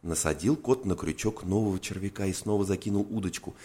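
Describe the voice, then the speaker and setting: A man reading a storybook tale aloud with expressive, animated narration. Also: low-pitched, a little fast.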